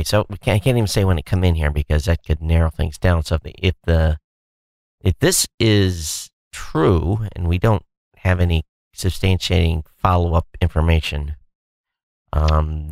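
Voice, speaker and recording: A man's voice: sits low, normal speed, gravelly, darkish tone, no room sound. A man co-hosting a podcast in casual chat, talking in a hesitant way with many restarts. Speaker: podcast co-host.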